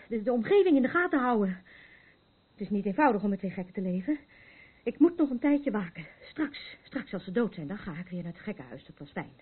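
Medium-pitched and slightly rough, an actress's voice carries a radio play role: a troubled, fearful woman who appoints herself night watcher and doomsayer. She rambles from thought to thought, earnest and haunted. The recording sounds muffled and phone-like, with background noise behind it.

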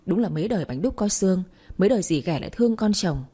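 A woman's voice: medium pitch, lively intonation, fast, dark tone, slightly rough. A woman voicing a caring, protective old grandmother in a Vietnamese audio story, defending her grandchild and scolding others. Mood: indignant.

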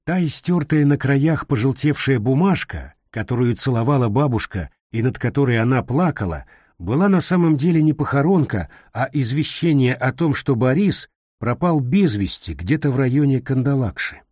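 A middle-aged man reading his own memoir aloud, calm and reflective in a measured way. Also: medium pitch, no echo, clean studio sound. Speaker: narrator.

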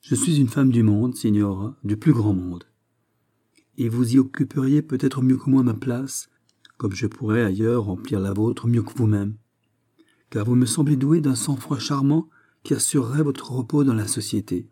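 A man's voice: medium pitch, moderate pace, dark tone, natural voice. A man reading the lines of a passionate young society lady in a story, in a pleading, exalted way. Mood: impassioned. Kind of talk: read-aloud story.

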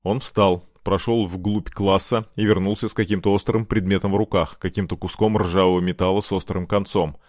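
A man reading a novel aloud as audiobook narrator, measured and dramatic. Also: deep voice, fairly even intonation, a little mellow, dry recording, clean studio sound. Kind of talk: scripted narration.

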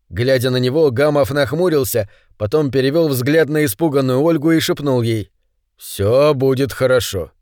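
A man's voice: medium pitch, darkish tone, no echo. Male audiobook narrator, dry sound. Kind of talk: scripted narration.

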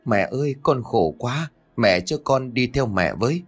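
Một người đàn ông đóng vai người vợ trẻ tuyệt vọng, kêu khóc và van xin cầu cứu. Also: male voice, lively intonation, a little slow, slightly rough, faint music behind. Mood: anguished. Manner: high, pleading cries. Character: desperate young wife, frightened and pleading.

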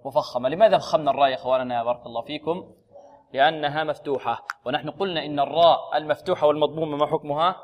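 Fairly high-voiced male recitation teacher; patient, asks and answers his own questions, drills syllables slowly. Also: dull audio. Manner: drills sounds slowly, repeating syllables and asking listeners to repeat; explains patiently, posing questions and answering them himself. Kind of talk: tajweed lesson.

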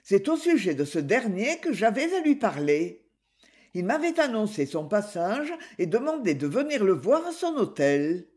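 A woman's voice: mid-range voice, very animated, normal speed, a little mellow, close to an everyday voice. A woman reading aloud, voicing a young divorced woman, a former nightclub singer, in a raised, pleading voice. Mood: explaining. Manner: pleading, emotional.

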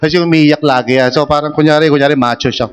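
A male pastor preaches in a high, bright voice that carries a long hall reverb. He keeps the sermon conversational, teasing the congregation and asking them questions. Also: fairly even intonation, fast, smooth. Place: church hall.

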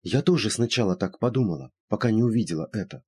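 A man's voice: fairly low pitch, expressive, fast, warm tone, husky, voice pushed up. A man voicing an anxious widowed woman. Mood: insistent.

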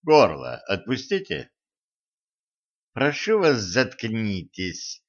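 A man voicing a cold, sardonic male adversary who threatens with exaggerated politeness, read slowly in a slightly dull recording. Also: medium pitch, a bit bright, clear, resonant tone, lightly acted. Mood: coldly polite.

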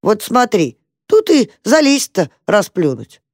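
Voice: medium pitch, slow pace, dry recording, studio quality, pitched above the performer's own voice, exaggerated voice. A storyteller voicing an eager, bossy young male mouse who coaxes his little brother along. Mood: coaxing. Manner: coaxing, excitable. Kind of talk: storybook character voice.

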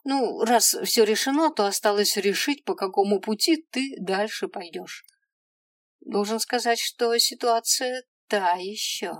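A woman's voice: medium pitch, measured pace, dry recording, natural voice. Bored male imp clerk, a woman voicing him. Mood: dismissive. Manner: weary, dismissive, indifferent.

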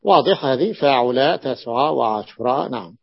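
A man's voice: medium pitch, expressive, brisk, creaky, breathy edge, dull audio. A male teacher explaining word patterns in a classroom lesson, repeating forms and checking the students with questions. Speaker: teacher explaining Arabic morphology.

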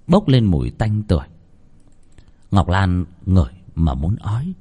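A man narrating a horror story in an expressive, suspenseful way. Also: on the low side. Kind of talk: dramatic horror story reading.

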